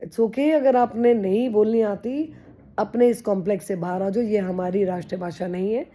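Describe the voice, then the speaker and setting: A woman's voice: medium pitch, moderate pace, mellow. A woman talking straight to her viewers in an earnest, chatty way, mixing English phrases into her speech as she gives encouraging advice. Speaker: vlogger. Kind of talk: casual motivational talk to camera.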